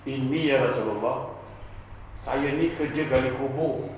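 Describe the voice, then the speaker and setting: A man voicing a remorseful young gravedigger who confesses in a halting, pleading way. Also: mid-range voice, slight background noise, lightly acted. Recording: echoey hall, distant mic.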